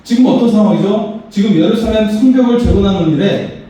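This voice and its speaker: A man's voice: sits high, fairly quick, dark tone. A pastor, a man, preaching a sermon with emphatic, rising phrases. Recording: echoey hall, voice far from mic.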